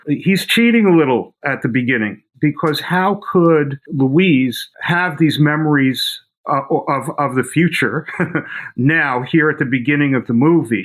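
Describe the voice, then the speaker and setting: A man's voice: medium pitch, poor audio. A man in a casual film discussion, speaking hesitantly with many fillers and restarts.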